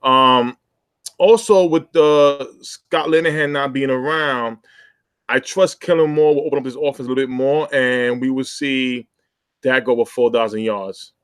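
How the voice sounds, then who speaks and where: A man's voice: mid-range voice, fairly even intonation, normal speed, clean tone, no echo. Hesitant man, dry close sound. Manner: hesitant, many ums. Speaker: podcast co-host. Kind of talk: casual sports podcast chat.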